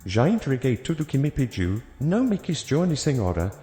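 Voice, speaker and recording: A man's voice: mid-range voice, very animated, normal speed, dark tone, close to an everyday voice. A man doing a harsh, curt police sergeant. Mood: angry. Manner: curt, commanding and sarcastic. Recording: echoey, with faint background music.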